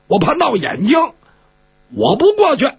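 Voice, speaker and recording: A man's voice: very high voice, wildly swooping pitch, unhurried, husky, dry recording, pitched above the performer's own voice, heavily acted. A man storyteller voicing a crude, scornful eldest bandit brother who curses freely. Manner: cursing, scornful.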